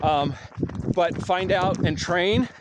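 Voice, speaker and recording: A man hosting a podcast, asking questions and telling stories in an animated, laughing way. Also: high voice, takes it slowly, very noisy. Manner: animated storyteller, laughs easily. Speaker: podcast host. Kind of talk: casual interview chat.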